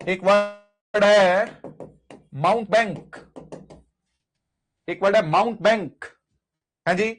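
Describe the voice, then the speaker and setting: Teacher guy, pretty high pitched, talks slow, keeps drilling words. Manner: drills word lists by repetition, asks and answers own questions. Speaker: English teacher. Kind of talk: exam vocabulary lesson.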